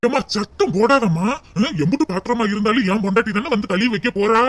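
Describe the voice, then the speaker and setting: Brief: a placating cartoon son voiced by a man, high voice and quick delivery. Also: fairly bright tone. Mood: pleading. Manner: pleading, placating. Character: patient adult son defending his wife. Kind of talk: cartoon comedy voice acting.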